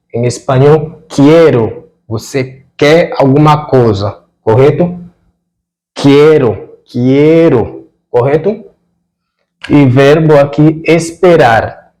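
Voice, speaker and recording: Brazilian man teaching from a whiteboard, slow and repetitive, dark mellow tone. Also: mid-range voice, poor audio. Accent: Brazilian Portuguese. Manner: slow, repetitive, checks in with "correto?". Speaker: language teacher. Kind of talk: whiteboard language lesson.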